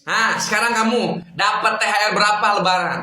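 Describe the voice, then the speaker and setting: A woman's voice: mid-range voice, brisk, lightly acted. A woman playing a teasing male schoolteacher who questions his students, in a comedy skit. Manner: questioning, mock-sympathetic. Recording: echoey room with loud music.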